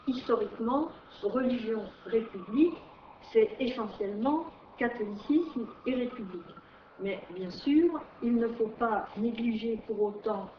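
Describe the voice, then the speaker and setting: A middle-aged woman delivers an academic lecture at a slow, deliberate pace, pausing often and restarting her sentences. Her voice sits fairly high and comes from some distance away. The sound is roomy and dull, with a faint hiss underneath. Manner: hesitant, many fillers and restarts. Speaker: visiting historian giving a conference talk. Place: lecture room.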